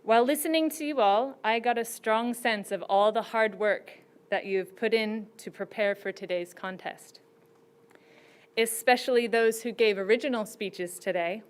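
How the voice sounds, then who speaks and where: A woman judge giving prepared, teacherly advice to students in a slow and deliberate way. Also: on the high side, clear, resonant tone.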